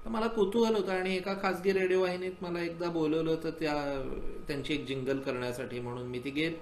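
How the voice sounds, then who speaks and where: A male composer recounts how a piece of his came to be, in an earnest, thoughtful tone that swells into fervent emphasis. His voice sits slightly high for a man. The recording carries a roomy echo and a faint hum of ambience behind him. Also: steady tone, a little fast. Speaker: composer guest. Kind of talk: radio interview, reflective storytelling. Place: radio studio.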